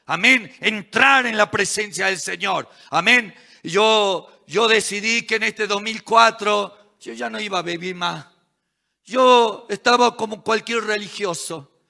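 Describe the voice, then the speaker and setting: A middle-aged man preaching a sermon as pastor, calling out amens and swinging from loud exclamations to hushed tones. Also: sits high, measured pace, vocal fry, hardly any pauses. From not from Bolivia. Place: church.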